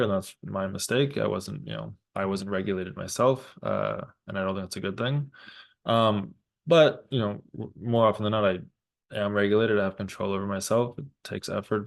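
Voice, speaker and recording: Low gravelly man musing reflectively. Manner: thoughtful, halting, many fillers and restarts. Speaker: parent vlogger. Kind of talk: reflective personal talk.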